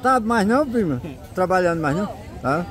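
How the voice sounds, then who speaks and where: A man with a Northeastern Brazilian, Pernambuco accent comments casually amid a busy outdoor market crowd. His voice is high and swings widely in pitch. He points things out in short, repeated exclamations and greets people as he goes. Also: very animated, brisk. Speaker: vlogger filming a street market. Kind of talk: casual running commentary to camera, greeting passers-by. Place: outdoors in an open-air street market.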